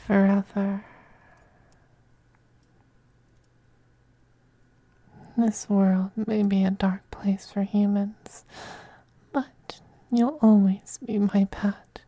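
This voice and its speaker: An actor plays a possessive, doting male vampire noble who loves a femboy, speaking in a soft, breathy whisper for an ASMR roleplay. His manner is coaxing and tenderly domineering, his mood possessive and devoted, delivered slowly at medium pitch in a level tone on a dry recording.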